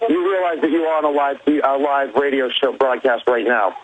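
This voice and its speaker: Upset guy calling a radio show, muffled phone line, keeps demanding stuff, mid-pitch voice. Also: fairly even intonation, moderate pace, slight background noise. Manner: agitated, insistent, demanding. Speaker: caller.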